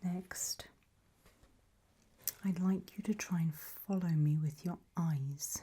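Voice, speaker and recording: This woman plays a gentle, eerie undead guide in a whispered role-play, using a husky, breathy whisper pitched fairly low. She moves slowly and patiently as she softly hands out instructions in a coaxing tone.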